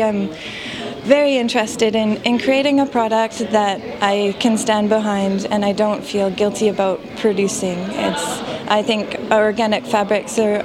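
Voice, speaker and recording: A woman fashion designer describing her work thoughtfully, with small hesitant restarts. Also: medium pitch. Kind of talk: interview answer. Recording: crowd chatter behind. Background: crowd.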